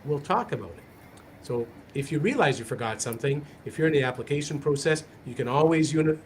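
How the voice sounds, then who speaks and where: A man's voice: on the high side, a little hiss or hum. A man hosting a recruiting Q&A as a police recruiter, talking in a direct, upbeat, conversational way. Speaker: police recruiter, session host. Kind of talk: live Q&A session talk.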